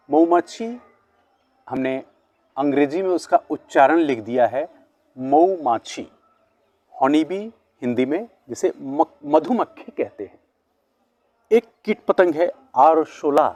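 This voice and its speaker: A man teaching word lists at a board, switching between two languages and slowly repeating each word's pronunciation. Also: a little high, darkish tone, no room sound. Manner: slow, repeated pronunciation of words. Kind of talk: bilingual vocabulary lesson at a board.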